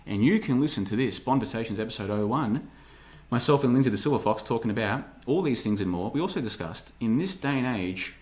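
A man's voice: medium pitch, animated, brisk, darkish tone. A man in his thirties hosting a livestream podcast, rambling and sarcastic, often mocking others in put-on voices. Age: 30s. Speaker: podcast host. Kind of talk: casual livestream monologue.

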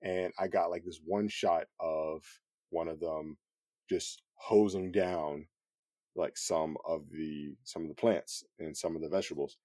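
Low, dark-voiced man chatting casually. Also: a little slow, no room sound, studio quality. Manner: relaxed, rambling, many fillers. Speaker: cinematographer guest. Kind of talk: casual podcast conversation.

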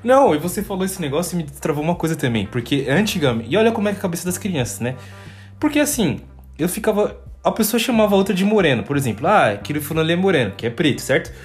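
A Brazilian man co-hosting a casual podcast chat, relaxed and slangy, with many fillers. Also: high-pitched, quick pace, soft background music. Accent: Brazilian Portuguese. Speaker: podcast co-host.

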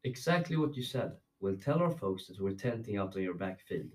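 A man's voice: sits low, animated, fairly quick, darkish tone. A man acting a sensible, reassuring boy with a practical manner, in an amateur dramatic read-through. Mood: reassuring, planning.

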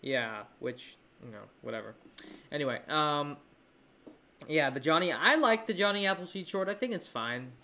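A man co-hosting a podcast in casual chat, animated and acting out silly voices while he talks. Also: a little high, moderate pace. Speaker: podcast co-host.

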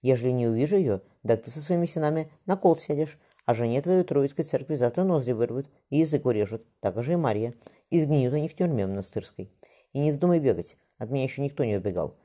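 Reader as a cruel middle-aged tsar, mocking and venomous, quick delivery, storybook audiobook. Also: male voice, mid-range voice, animated, dark tone, lightly acted. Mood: threatening.

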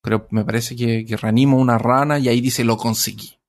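A man's voice: medium pitch, fairly even intonation, brisk. A man casually retelling a myth in conversation, rambling and self-correcting as he goes. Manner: rambling with many fillers and restarts, self-correcting.

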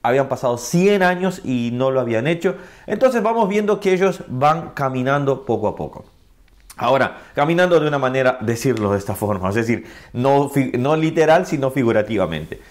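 A man teaching a chapter-by-chapter Bible reading, gentle and unhurried, with slow emphatic stresses. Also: mid-range voice, animated.

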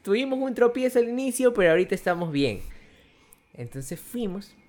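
Animated young Ecuadorian man telling a story. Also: sits high, a little fast. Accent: Ecuadorian Spanish. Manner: animated, laughs often, acts out quoted voices. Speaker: podcast co-host. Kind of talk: casual storytelling chat.

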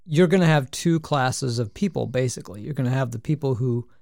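A man's voice: mid-range voice, fairly quick, gravelly, darkish tone, no room sound, studio quality. A man co-hosting a podcast, chatting casually, rambling with frequent restarts and hesitations. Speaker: podcast co-host. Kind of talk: casual chat.

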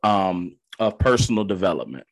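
A man's voice: sits low, moderate pace. A man, a former pro baseball player, telling a story in casual slang and acting out the voices of the people in it. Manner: animated, slangy, acts out voices in his stories.

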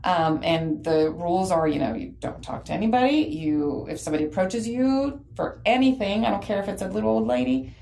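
Gravelly-voiced woman chatting on a podcast. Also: mid-range voice, expressive, brisk, warm tone, slight background noise, low-quality recording. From Texas. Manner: conversational, with many fillers and self-corrections. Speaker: podcast co-host. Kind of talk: casual chat.

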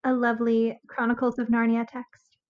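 A woman's voice: a little high, completely flat delivery, moderate pace. A woman co-hosting a podcast, curious and reflective in casual discussion. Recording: dull lo-fi audio.

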